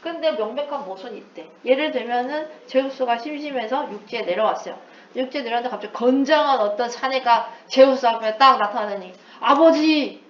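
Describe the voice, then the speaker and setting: A woman's voice: on the high side, a little fast, few pauses, far from the mic. A woman teacher giving an English lesson, explaining with playful asides and mixing in English terms. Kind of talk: recorded lecture. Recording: echoey room, away from the mic, dull lo-fi sound.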